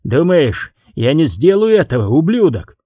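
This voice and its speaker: In an audiobook, a man plays an enraged young man who snarls and curses. The voice sits high and swings widely, with a mellow tone. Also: expressive, normal speed, dry recording, clean studio sound, natural voice. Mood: snarling. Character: enraged young man, bound and gagged, cursing.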